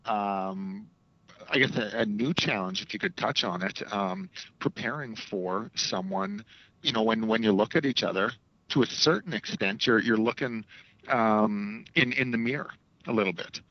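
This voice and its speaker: A man's voice: lowish voice, animated, moderate pace, no echo. Hesitant male reporter on a dull phone line. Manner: hesitant, stammering, rambling. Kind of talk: press questions on a conference call.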